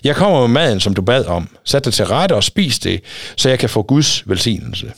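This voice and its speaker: A man's voice: medium pitch, big pitch swings, vocal fry, dry recording, clean studio sound. A man reading aloud, voicing the scheming younger son Jacob in an eager, raised voice.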